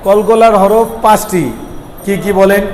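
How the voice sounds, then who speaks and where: A man's voice: high-pitched, little pitch movement. Man, teacher drilling pronunciation; echoey room, faint noise. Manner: repeats sounds slowly, asks the class questions. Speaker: Quran recitation teacher. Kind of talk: explaining Arabic pronunciation lesson.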